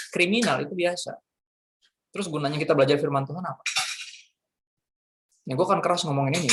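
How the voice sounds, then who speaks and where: A man from Jakarta with a Jakarta accent, a pastor giving a casual youth sermon in lively slangy street talk. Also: mid-range voice, background noise. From Jakarta, Indonesia.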